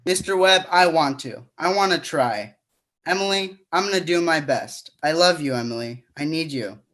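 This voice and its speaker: A young man plays a jittery young groom, earnest and restless. His voice is high and bright for a man. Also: animated, moderate pace. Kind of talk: amateur play reading.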